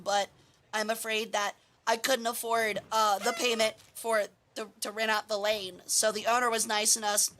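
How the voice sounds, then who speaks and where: A woman livestreaming in a cute anime-streamer manner, chatting with viewers in a bubbly, animated way and exclaiming her greetings. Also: fairly high pitch. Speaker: VTuber streamer, host.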